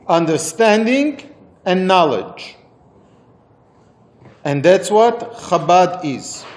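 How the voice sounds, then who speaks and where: A man with a Moroccan accent teaching an interactive religious text class, halting and repeating phrases for emphasis. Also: high-pitched.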